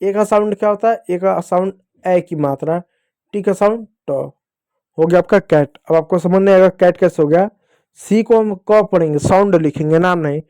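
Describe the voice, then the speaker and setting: High-voiced man teaching phonics. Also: moderate pace, dark tone, no room sound, clean studio sound. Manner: patient, repeats questions and answers them himself. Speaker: English teacher. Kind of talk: classroom-style phonics lesson.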